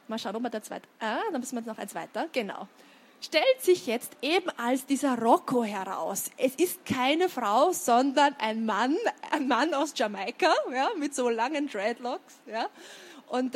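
A woman with a high, bright voice reads a children's story aloud with lively storytelling. Between passages she chats casually to young listeners, full of little fillers. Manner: lively storytelling, chatty asides with many fillers. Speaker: children's book reader. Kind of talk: reading aloud, then explaining to children.

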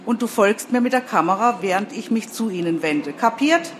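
A woman's voice: mid-range voice, expressive, slight background noise, close to an everyday voice. A woman voicing a bossy, self-important young female TV reporter who orders everyone around. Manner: commanding, brisk, self-important.

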